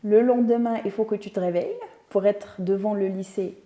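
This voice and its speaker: A woman's voice: mid-range voice, fairly even intonation, moderate pace, mellow. A woman, a guest telling her story in a casual interview, thoughtful and searching for words. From Tunisia. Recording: roomy echo.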